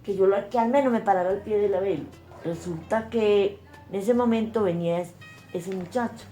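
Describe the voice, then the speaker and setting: A woman's voice: mid-range voice, moderate pace, mellow. Older Paisa woman, interviewee, emotional storyteller who acts out the people she quotes, faint music underneath. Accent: Colombian Paisa Spanish. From Colombia. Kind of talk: oral history testimony.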